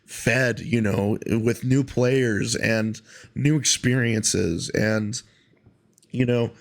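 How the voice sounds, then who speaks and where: A man's voice: medium pitch, steady tone, extremely slow, vocal fry. A man hosting a solo podcast, talking casually in an earnest, rambling, informal way. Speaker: podcast host.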